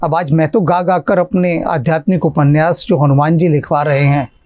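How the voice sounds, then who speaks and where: A man giving a calm devotional talk as a spiritual teacher, slowing down to stress his points. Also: on the high side, muffled recording.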